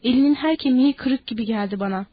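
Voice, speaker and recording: A woman voicing a calm, authoritative lead ranch hand who speaks firmly and commandingly, in a dry, dull audiobook recording. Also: fairly high pitch, quick pace, no room sound, close to an everyday voice. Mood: urgent. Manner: firm, commanding.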